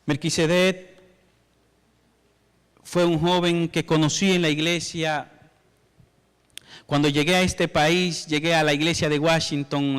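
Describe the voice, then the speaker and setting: Pastor, male, middle-aged: high, crisp voice, long hall echo, storytelling sermon. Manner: storytelling preacher, rising to emphatic passages.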